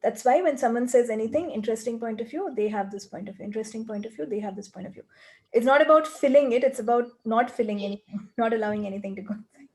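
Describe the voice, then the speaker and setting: Mellow-voiced woman coaching a group call. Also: a little high. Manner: explains earnestly, drops into quiet rapid clearing phrases.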